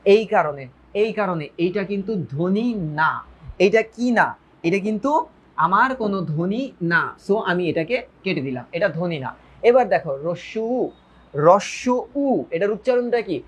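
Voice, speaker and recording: A man's voice: high-pitched, expressive, moderate pace. A man teaching a grammar lecture, who repeats phrases, asks his students questions and drops English words into his talk. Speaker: Bengali grammar tutor. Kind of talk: online lecture.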